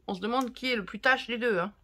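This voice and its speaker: A woman's voice: fairly high pitch, quick pace, noisy background. A French woman showing her craft haul, talking casually to her viewers and reacting to each item. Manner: chatty and expressive, talks to viewers while unpacking. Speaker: craft vlogger. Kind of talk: casual haul chat to camera.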